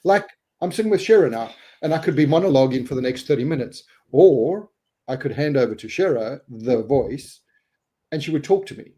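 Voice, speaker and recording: A man's voice: medium pitch, animated, a little fast, mellow. A middle-aged man hosting a casual live webinar, joking and laughing, sometimes stumbling over repeated words. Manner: jokey, laughing, repeats words when flustered. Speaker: host.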